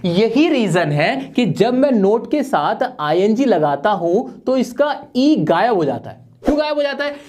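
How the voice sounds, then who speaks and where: A male teacher giving a spelling lesson in a video, explaining step by step and asking himself questions to answer them. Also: sits high.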